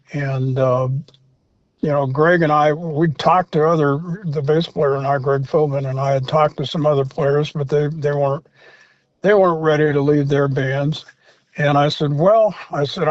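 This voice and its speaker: Older male guest, slightly high voice, rambling anecdotes, dull lo-fi dry sound. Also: dry recording. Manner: rambling anecdotes with many fillers and restarts. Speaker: interview guest, former rock singer. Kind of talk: storytelling in a casual interview.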